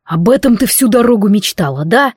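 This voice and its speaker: A woman voicing a drunk, jealous young lord who growls his threats hoarsely in an audiobook. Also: medium pitch, expressive, brisk, darkish tone, no echo, clean studio sound. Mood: mocking.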